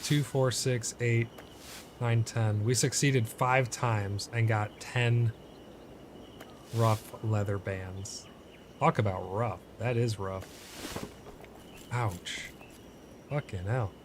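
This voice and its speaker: A man's voice: fairly low pitch, steady tone, takes it slowly, long pauses, noisy background. Exasperated man narrating his game. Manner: exasperated, swears at bad luck. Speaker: gameplay streamer. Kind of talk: casual gameplay commentary.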